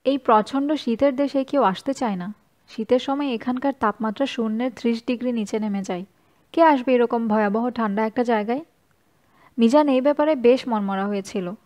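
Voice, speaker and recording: Woman audiobook narrator, first-person story, measured, slightly high voice. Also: a little mellow, lo-fi sound.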